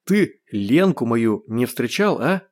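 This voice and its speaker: A man's voice: medium pitch, sing-song, takes it slowly, a little mellow. A man playing an eager young sniper. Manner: eager, cheerful, laughing. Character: excited young male sniper, old schoolmate. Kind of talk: audiobook character voice.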